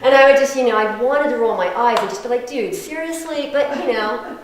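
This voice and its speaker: A woman's voice: a little high, fairly quick, crowd noise. A woman violinist chatting casually with a live audience between pieces, laughing and telling stories. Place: house concert venue with audience. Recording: echoey room.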